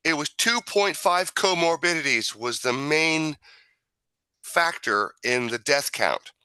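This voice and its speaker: Male talk host, bright forceful voice with smoker's rasp, emphatic, sweary, repeats points, close dry sound. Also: a little high, lively intonation, slow, dry recording, low-quality recording. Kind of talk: casual opinionated talk.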